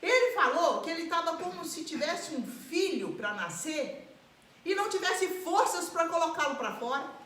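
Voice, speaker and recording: A woman preaching a live sermon in an animated way, acting out the voices of people she describes. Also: very high voice, moderate pace. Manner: animated, acts out quoted voices and laughs. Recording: echoey room.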